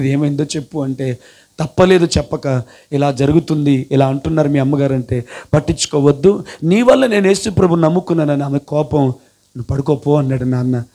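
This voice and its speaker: A man's voice: a little high, mellow. A young man giving an impassioned testimony sermon, breaking in often with hallelujahs. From India. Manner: fervent, punctuated with repeated hallelujahs.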